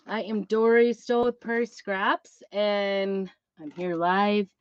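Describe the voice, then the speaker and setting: A woman's voice: mid-range voice, steady tone, slow pace, clean tone, no room sound. Woman, sick and congested, rambling craft-stream host, metallic tin-can tone, muffled and lo-fi. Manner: chatty and rambling, drifting between topics. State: sick, congested, with a lingering cough. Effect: tinny, metallic tin-can sound from the trailer. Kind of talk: casual live-stream chat. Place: inside a small metal travel trailer. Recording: dry, dull, tinny trailer recording.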